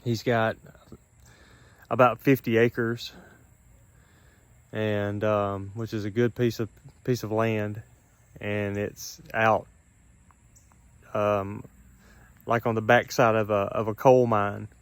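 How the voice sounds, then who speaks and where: A middle-aged man talking casually to a vlog in a drowsy, halting, unhurried way, with a dry mouth and some gum chewing. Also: fairly low pitch, flat delivery, clear, resonant tone, dry recording. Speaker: vlogger. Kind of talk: casual solo vlog, rambling personal talk.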